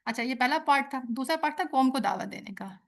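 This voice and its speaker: A woman's voice: sits high, animated, fast talker, creaky. A woman giving a religious lesson, explaining at length and mixing in English phrases and quoted Arabic. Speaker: teacher. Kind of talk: religious lecture.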